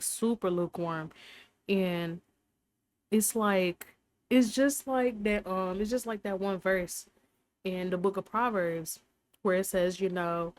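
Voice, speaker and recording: A young woman podcast host with a fairly low, slightly mellow voice leads a casual faith talk. She rambles sincerely with many fillers and becomes emotional for a moment.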